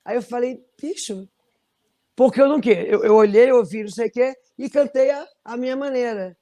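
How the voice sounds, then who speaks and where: High-voiced Brazilian woman telling stories. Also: fairly quick. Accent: Brazilian Portuguese, from Belém. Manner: animated storytelling, frequent restarts. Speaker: singer, interview guest. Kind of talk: conversational interview.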